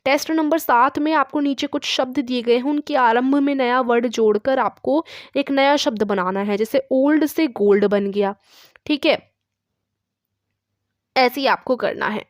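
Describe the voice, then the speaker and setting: A young woman with an Indian accent teaches an online English lesson, patiently going through test items and saying "ठीक है" after each one to check in. Her voice is high and a little slow, with studio-quality sound and no room noise.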